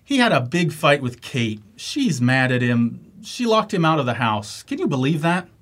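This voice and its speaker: Man acting a concerned, loyal friend, lively intonation. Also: medium pitch, moderate pace. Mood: gently persuading. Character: concerned, loyal male friend and husband, pleading gently. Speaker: actor in an English lesson dialogue. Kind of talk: scripted dialogue acting.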